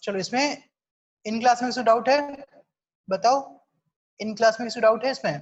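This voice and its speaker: Teaching chemistry online in mixed Hindi and English, a woman speaks at normal speed in a slightly high voice, with the highs cut off in the recording. She walks through the material step by step and often checks on her students.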